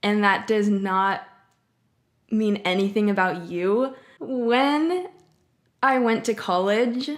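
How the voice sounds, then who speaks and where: A woman's voice: mid-range voice, slow, long pauses. Candid young woman vlogger chatting casually. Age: 20s. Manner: informal, candid, slangy. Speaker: singer-songwriter vlogger. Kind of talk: casual personal chat.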